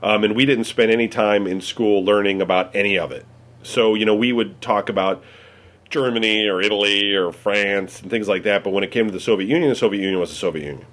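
Here the interviewee is an American man in a casual chat, answering questions in a rambling way, full of fillers and free with his swearing. He speaks fast, and his voice sits on the low side with a slightly bright quality.

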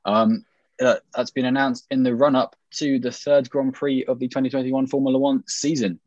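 A man's voice: medium pitch, little pitch movement, moderate pace, a little mellow, no room sound, muffled recording. A man with a modern British Received Pronunciation accent hosts a podcast in a casual style with wry banter. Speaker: podcast host.

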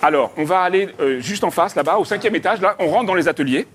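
Fast-talking chatty man. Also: high voice, lively intonation, over music. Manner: chatty, jokey, laughs easily. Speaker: artist showing the building. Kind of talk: casual interview on a walking tour. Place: building with artist studios, indoors.

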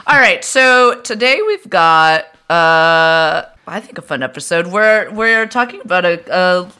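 A woman co-hosting a podcast in casual chat, teasing her co-host and quick to laugh. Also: fairly low pitch, animated, pushed and bright, smooth.

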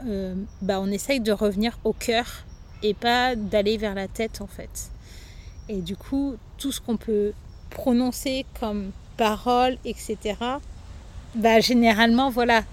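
A woman, a yoga teacher, talking as a guest in a casual podcast interview, loose and chatty with lots of fillers. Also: fairly high pitch.

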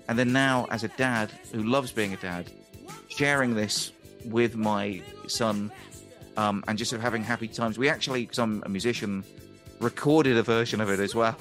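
Male guest, mid-pitch, relaxed rambling anecdotes, quick to laugh. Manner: rambling, chatty, laughs often. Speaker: guest musician and ukulele teacher. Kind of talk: casual storytelling.

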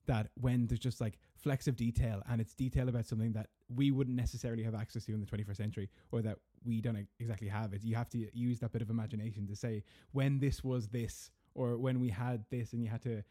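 Irish male, young adult, informal anecdotal chatter, rapid delivery, soft warm tone. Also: medium pitch, level tone, dry recording, studio quality. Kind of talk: casual chat.

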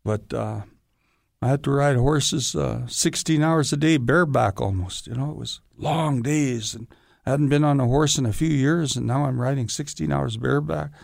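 A man with a gravelly voice tells stories in a relaxed interview. He acts out what other people said as he goes. The sound is dry and close. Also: medium pitch, moderate pace, dry recording. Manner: animated storyteller acting out quoted voices. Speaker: guest, actor and stuntman. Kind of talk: casual storytelling interview.

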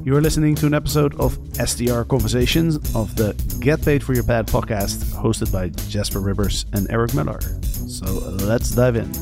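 A man hosting a podcast in a warm announcer manner, with a low late-night DJ sound to his voice. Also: fairly quick, vocal fry, hardly any pauses, over music. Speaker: podcast host. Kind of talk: podcast intro and casual co-hosted chat.

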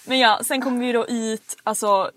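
A woman's voice: fairly high pitch, no echo. A young woman, a podcast host animatedly telling a story in casual chat. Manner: animated storytelling, acting out screams and quotes.

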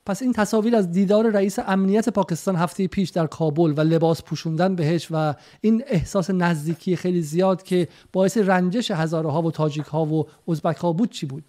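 High-voiced male interviewer. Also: few pauses, warm tone. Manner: direct, insistent questioning. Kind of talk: interview questioning.

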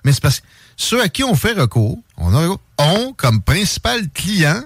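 Male commentator, emphatic, lively pitch, dry mic. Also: normal speed, breathy edge, no echo. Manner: indignant, emphatic. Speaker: radio commentator. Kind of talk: opinion commentary.

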